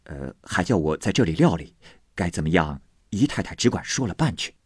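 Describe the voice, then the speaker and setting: A man reading aloud plays a polite young nobleman who speaks softly and respectfully. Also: low-pitched, big pitch swings, a little fast, husky, dry recording, clean studio sound, full character voice. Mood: deferential.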